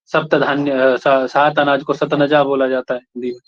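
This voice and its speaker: A man's voice: medium pitch, flat delivery, normal speed. A man from India teaching a class, explaining points and checking in with the students with short questions. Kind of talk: classroom lecture. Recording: lo-fi classroom recording.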